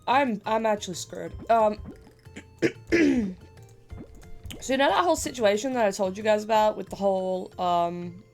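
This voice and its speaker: A woman's voice: mid-range voice, measured pace, pauses often, darkish tone, faint music behind. A woman streamer chatting casually and playfully while gaming, laughing often and sniffly with a stuffy cold.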